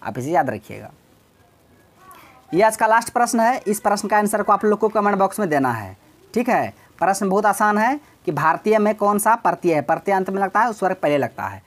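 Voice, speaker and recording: A woman's voice: mid-range voice, sing-song, brisk. A woman teaching an exam-prep grammar lesson, explaining step by step and repeating key words.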